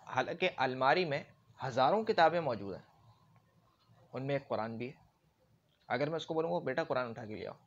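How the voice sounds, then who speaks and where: A man teaching Arabic grammar in a classroom-style lecture, explaining with everyday examples and often checking that listeners follow. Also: on the high side. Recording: dull lo-fi recording.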